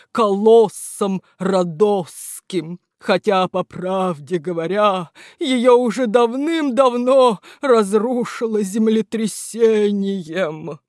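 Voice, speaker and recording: A woman voicing a giant male statue that speaks tearfully in a slow, drawn-out way. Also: medium pitch, a little mellow, dry recording, studio quality, lightly acted.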